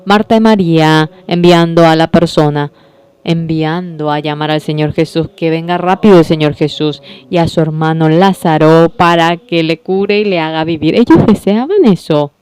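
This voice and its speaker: A preacher interpreting a sermon, speaking in slow, repetitive phrases with frequent self-corrections. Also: medium pitch, darkish tone, smooth.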